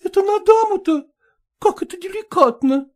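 A cheeky, coquettish female stray dog, chattering fast and sweetly. The voice sits very high and bounces with lively pitch. Its tone stays soft and mellow. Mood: coquettish teasing. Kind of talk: audiobook character voice.

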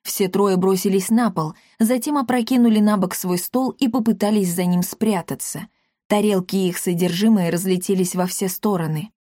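A woman narrating a children's adventure audiobook in a lively, dramatic reading style. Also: medium pitch, normal speed, no echo, clean studio sound. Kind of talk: expressive storybook reading.

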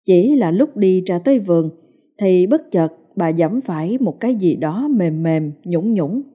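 A woman reading a ghost story in a steady, dramatic storytelling manner. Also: lowish voice, unhurried, breathy edge. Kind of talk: scripted ghost story narration. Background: soft music.

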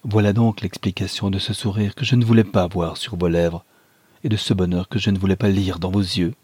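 A man's voice: sits low, steady tone, fairly quick, darkish tone, husky, no echo. A man voicing a torn young mother and wife, earnest and pleading, in an audiobook reading. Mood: indignant.

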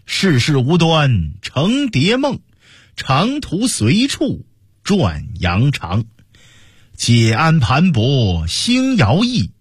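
A male pingshu storyteller declaims old verse. His voice is very raspy and extremely slow, with huge swings of pitch. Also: dry recording, clean studio sound. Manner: declaimed, drawn-out.

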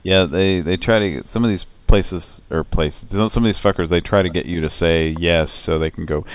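A man's voice: sits low, moderate pace, dry recording. A man co-hosting a stream, tossing in blunt, jokey remarks. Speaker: co-host. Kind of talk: casual banter.

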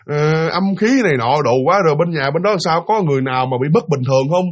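A man's voice: on the high side, animated, fast, dull audio, lightly acted. A man voicing a blunt, commanding older spirit master who questions bluntly.

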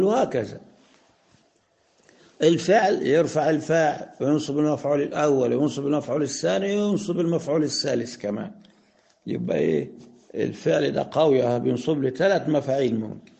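A man with an Egyptian accent teaching Arabic grammar. He asks questions, answers them himself, and slows down to spell out example sentences. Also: fairly high pitch, creaky, warm tone. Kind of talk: explanatory lesson.

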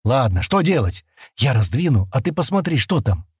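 A man reading an audiobook, voicing a gruff, irritable young man with curt replies. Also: medium pitch, big pitch swings, normal speed, darkish tone, no echo, studio quality. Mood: reluctant. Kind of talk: audiobook character voice.

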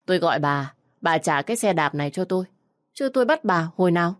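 A woman's voice: fairly low pitch, lively intonation, quick pace, dry recording, studio quality, lightly acted. A woman voicing a blunt young village man in an audio story.

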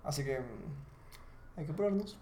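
A man's voice: on the high side, expressive, a little slow, a little hiss or hum. A man with a Mexican accent co-hosting a casual gaming podcast, slangy and loose. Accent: Mexican Spanish. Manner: casual, slangy, bursts into shouts. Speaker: podcast co-host.

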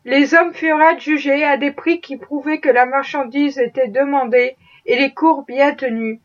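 High-voiced woman reading a novel. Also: steady tone, normal speed, lo-fi sound. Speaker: audiobook reader. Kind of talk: scripted novel narration.

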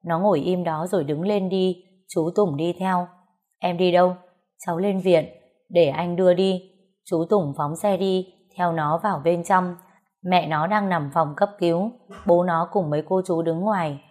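A woman tells a dramatic ghost story in a calm, measured reading. Her voice sits a touch low and steady as she moves from scene to scene. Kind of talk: scripted story narration.

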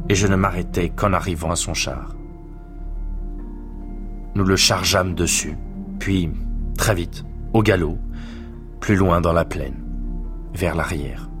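A man reading a literary narration in a measured, solemn way. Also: low-pitched.

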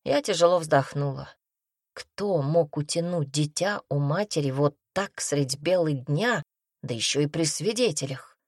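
A woman narrating a first-person fantasy audiobook in a lively, expressive storytelling manner. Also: low voice, a little slow, breathy edge, dry recording, clean studio sound.

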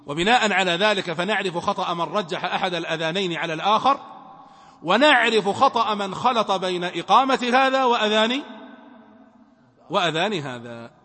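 A sheikh gives an emphatic religious lesson in a high, bright, forceful voice. He keeps posing questions to his students and answering them himself. His voice rings with the long reverb of a lecture hall. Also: expressive, fairly quick. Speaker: sheikh teaching Islamic law.

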